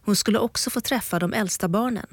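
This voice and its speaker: A woman narrating a documentary in a calm, measured storytelling voice. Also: mid-range voice, breathy edge, no room sound. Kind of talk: scripted narration.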